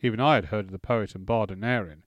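A man reading a first-person story as audiobook narration, in a steady storytelling manner. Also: fairly low pitch, fast talker, no room sound, dull audio.

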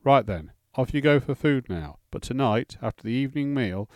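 A man's voice: mid-range voice, lively intonation, normal speed, a little mellow, no room sound, pitched above the performer's own voice, natural voice. A man voicing a stern village lord and father who gives curt orders. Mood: commanding. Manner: curt, commanding.

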